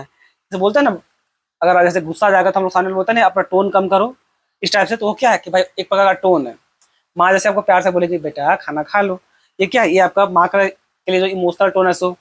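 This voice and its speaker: A young man teaching an exam-prep lecture in a conversational way, often asking questions and then answering them himself. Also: high-pitched. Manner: conversational, asks and answers his own questions.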